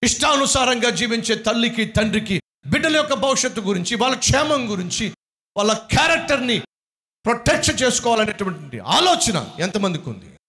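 A man preaching a sermon in a Telugu accent, firing rhetorical questions and rising to shouts before closing in prayer. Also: extremely high pitch, sing-song, a little fast. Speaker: pastor.

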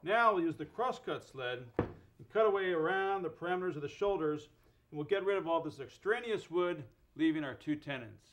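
A man's voice: a little high, animated, normal speed, slight background noise. A middle-aged man hosting a woodworking show, explaining each step methodically with mild enthusiasm in his workshop on a lapel mic. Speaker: host and woodworker. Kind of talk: instructional woodworking demonstration. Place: indoor wood workshop.

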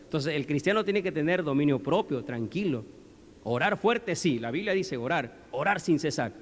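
A man's voice: a little high, animated, moderate pace. A male pastor preaching in a conversational way, often asking the congregation questions. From Peru. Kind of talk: sermon. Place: church hall. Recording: long hall reverb.

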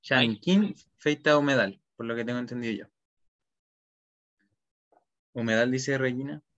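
Male teacher, slow and patient, repeats each word, dull lo-fi call sound. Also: mid-range voice, steady tone, fairly bright tone. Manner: slow, repeats each word twice, then gives its meaning. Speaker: language teacher. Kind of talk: online vocabulary class. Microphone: video call.

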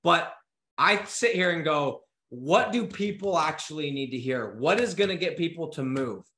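A man in his thirties giving an energetic, urgent motivational talk to camera from a home office, swearing casually and gesturing as he speaks. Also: fairly high pitch, reverberant. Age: 30s. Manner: gestures a lot with his hands while talking. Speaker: business coach.

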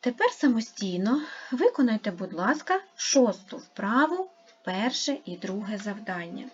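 A woman gives a children's lesson in a slow, deliberate way, spelling out each sound and syllable. Her voice is slightly husky and rises and falls a lot. The recording is a little dull and lo-fi. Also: mid-range voice, sing-song. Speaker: primary school teacher. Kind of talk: online lesson for young pupils.

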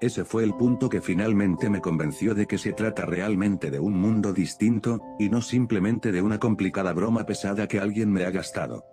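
A deep-voiced man reads a science fiction novel aloud in the first person. His reading is calm and measured. Music plays clearly beneath his voice. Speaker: audiobook narrator. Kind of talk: first-person audiobook narration. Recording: background music under the narration.

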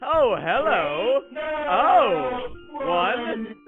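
A man in his twenties reacting like a scared horror game streamer, panicky and prone to yelling and exclaiming. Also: sits high, very animated, extremely slow, over loud music. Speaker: gaming video host. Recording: tinny, phone-like, noisy audio.

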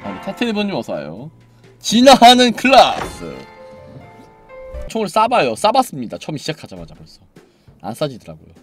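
A man streaming a horror game, joking and yelling loudly at what happens on screen. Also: a little high, wildly swooping pitch, fast talker, soft background music. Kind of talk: excited gameplay commentary.

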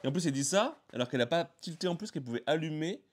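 Fast-talking joking French streamer man. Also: on the high side, expressive. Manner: joking, crude, teasing. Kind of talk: casual stream chat.

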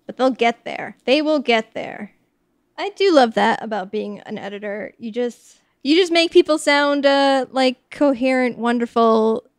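A woman's voice: fairly high pitch, no echo, studio quality. A young woman and podcast host, chatting in a rambling, self-deprecating way while she cooks and talks about editing. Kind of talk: casual cooking vlog narration.

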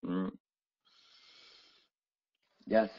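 A man's voice: drawn-out words, dry recording. A male Buddhist monk, giving a chatty, teasing dharma talk full of exclamations. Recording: slightly muffled lo-fi recording.

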